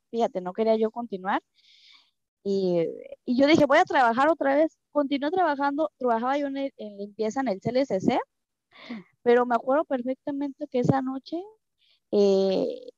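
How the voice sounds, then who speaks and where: A woman's voice: mellow, no room sound. A woman from Mexico with a Mexican Spanish accent, recounting a personal story in an interview, emotional and often repeating phrases for emphasis. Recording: dull, dry low-fidelity recording.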